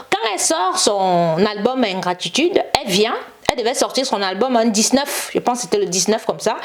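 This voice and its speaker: A woman, an interview guest telling a long story and acting out the quotes. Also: a little high. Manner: acts out quotes and sings snippets, repeats "et tout". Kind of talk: animated storytelling.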